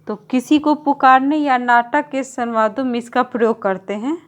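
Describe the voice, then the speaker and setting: A woman's voice: sits high, steady tone, normal speed. A woman teacher giving an exam-prep grammar lesson, explaining step by step and drawing out example sounds while writing on a board.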